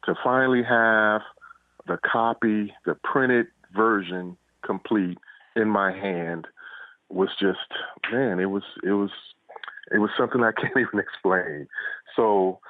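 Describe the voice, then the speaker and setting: A man with a voice on the low side is interviewed as an author over a muffled remote line. He talks casually, often halting to search for words. There's no echo.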